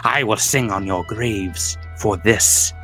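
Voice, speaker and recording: A man's voice: pushed and bright, soft background music. A man doing an ethereal, dreamy-voiced undead herald. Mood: menacing. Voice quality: high, ethereal, dreamy distant voice. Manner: slow, swaying, menacing proclamations. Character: gaunt undead male villain cult herald, vengeful. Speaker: game master. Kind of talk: tabletop roleplay podcast acting.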